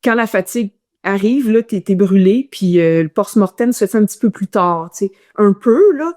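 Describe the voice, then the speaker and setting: A woman with a Quebec French accent, a runner telling a guest's stories in a casual interview, animated and full of restarts. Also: medium pitch, moderate pace.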